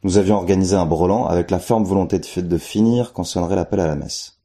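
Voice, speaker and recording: Brief: male storyteller, deep-ish, warm dark tone, measured narration. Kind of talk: first-person folk tale narration.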